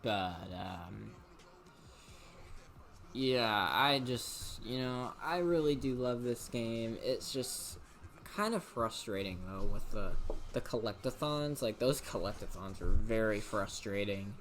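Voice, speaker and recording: A man's voice: on the low side, lively intonation, takes it slowly, a bit bright. A young man rambling casually over gameplay, full of fillers and restarts. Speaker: let's play commentator.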